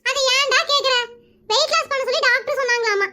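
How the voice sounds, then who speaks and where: A fussy older mother-in-law, put on by a woman, fretting. Her voice sits extremely high and sounds bright and sharp. She wails her complaints like the drama in a comedy skit. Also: fast talker, heavily acted. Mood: complaining.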